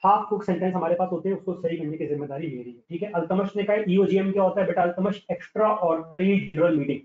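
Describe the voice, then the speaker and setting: A high-pitched male teacher with a slightly hoarse voice gives an online lecture. He is blunt and scolding and calls on his students by name. The recording is echoey and dull, like lo-fi online class audio. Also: fast talker.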